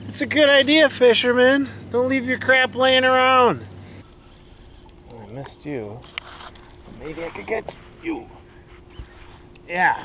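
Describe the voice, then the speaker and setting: A man in his forties, fishing from an outdoor riverbank, chatting excitedly to the camera and to the fish he catches. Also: very high voice, slow pace, pauses often, a little hiss or hum. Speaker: fishing vlogger. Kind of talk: casual narration while fishing. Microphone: chest-mounted action camera.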